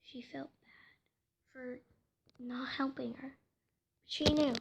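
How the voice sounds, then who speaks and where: A woman casually tells a story of her own making, softly and hesitantly, often dropping into whispers, with faint noise behind her. Her voice is high-pitched and flat, and she speaks slowly.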